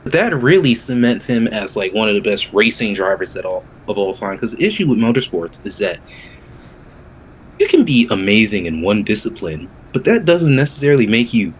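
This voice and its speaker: A young man with a low voice that swings widely as he talks, excitable and quick to laugh. He swears freely and drops into mock voices mid-sentence. A faint hiss sits under the recording. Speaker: podcast co-host. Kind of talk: casual chat.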